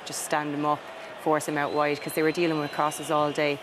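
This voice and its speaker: A young woman pundit talks through a football match in a flat, level tone that barely rises or falls. She sits on a TV studio set with a lapel mic. Steady background noise sits under her voice. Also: low-pitched, a little fast.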